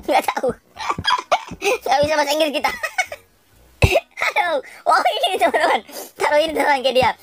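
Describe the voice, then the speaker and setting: A woman giving chatty, excitable gameplay commentary, talking to her viewers and to the game characters and laughing often. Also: dry recording. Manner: laughs often, swings between squeals and low mutters. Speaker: gaming channel host.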